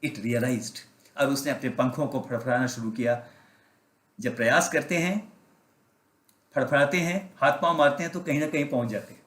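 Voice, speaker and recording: A man's voice: mid-range voice, normal speed, pauses often, a bit bright. Male pastor telling a parable, echoey room. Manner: asks the congregation questions and mixes in English phrases. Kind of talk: storytelling sermon. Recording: roomy, echoey sound.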